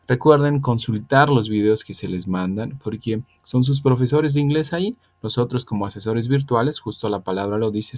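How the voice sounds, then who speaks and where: A man, a virtual tutor explaining English grammar patiently to students, slowing down for the examples. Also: lowish voice, a little mellow. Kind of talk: online grammar lesson.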